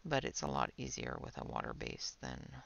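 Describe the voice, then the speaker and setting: A woman giving a casual, unhurried art supply demonstration, half murmuring to herself, with a creaky voice that often trails off softly. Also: a bass voice, very animated, muffled recording.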